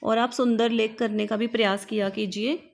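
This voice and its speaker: A woman teacher giving a patient, step-by-step lesson, drilling each word slowly and repeating it. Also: on the high side, little pitch movement. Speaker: Sanskrit teacher. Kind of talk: classroom-style lesson explaining step by step.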